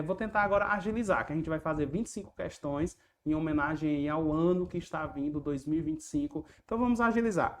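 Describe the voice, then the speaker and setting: Chatty jokey exam teacher man. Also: high voice. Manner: chatty, jokey, repeats key points. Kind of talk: online exam prep lesson.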